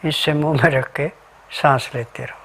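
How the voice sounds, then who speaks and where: A man's voice: fairly high pitch, steady tone, normal speed, fairly bright tone. A man giving an instructional health talk as a remedy advisor, methodically listing ingredients and diet rules step by step.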